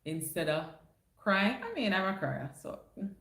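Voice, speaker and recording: Answering her chat on a relaxed livestream, this Jamaican-accented woman slips patois into her replies. She speaks at normal speed in a mid-range, sing-song voice that's a bit bright, and the recording carries a roomy echo.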